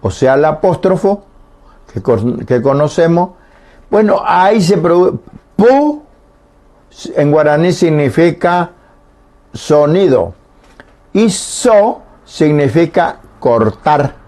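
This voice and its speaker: A man's voice: on the high side, expressive, a little mellow. A man teaching a Guarani language lesson on the radio, explaining patiently and sounding out each vowel. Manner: slow, patient explanations, demonstrating sounds aloud. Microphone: radio studio microphone.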